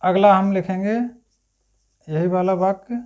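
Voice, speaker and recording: A man teaching a grammar lesson step by step, often checking in with his listeners and clearing his throat now and then. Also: high voice, flat delivery, unhurried, darkish tone. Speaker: Hindi teacher.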